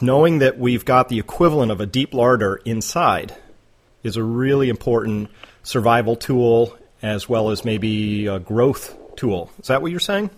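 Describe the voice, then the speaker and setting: Slightly husky male interview host. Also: mid-range voice. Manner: chatty storyteller with many restarts. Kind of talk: conversational interview.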